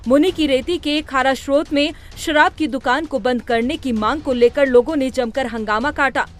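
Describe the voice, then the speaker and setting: एक महिला रिपोर्टर जो समाचार रिपोर्ट को लिखी हुई, ज़ोरदार शैली में पढ़ रही है।. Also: female voice, high-pitched, moderate pace. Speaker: news reporter. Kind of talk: scripted news narration.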